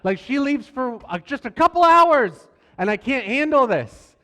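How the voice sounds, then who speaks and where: Animated pastor telling a story in a reverberant church. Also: male voice, very high voice, unhurried. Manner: animated, self-deprecating humorous storytelling. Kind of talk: sermon storytelling. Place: church sanctuary. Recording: long church hall reverb.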